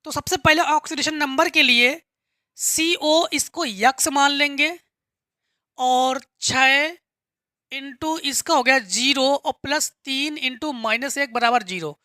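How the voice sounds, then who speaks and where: In a measured classroom chemistry lesson, a woman with a bright, high voice patiently explains each step, asking her own questions, answering them, and repeating key words. The sound is close and dry, with no room sound.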